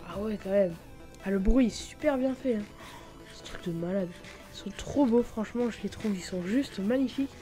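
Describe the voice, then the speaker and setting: A woman giving a chatty, excitable commentary while showing a game mod, with lots of fillers and sudden exclamations. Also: medium pitch, normal speed, over music. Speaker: gaming YouTuber. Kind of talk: Minecraft mod showcase commentary.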